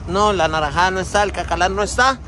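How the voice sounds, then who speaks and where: In a casual vlog, a Colombian man in his thirties who runs a trucking company films his trucks on a phone at arm's length, moving between the outdoor yard and the cab. He speaks fast with a high, bright, forceful voice, affectionate and chatty, full of diminutives. There's a little hiss or hum.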